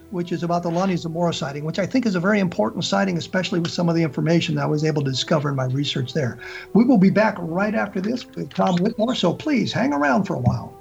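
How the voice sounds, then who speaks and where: Man, high gravelly voice, radio talk delivery, muffled lo-fi audio. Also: expressive, quick pace, a little mellow, faint music behind. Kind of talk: radio talk, plugging and signing off to break. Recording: dull, band-limited radio audio.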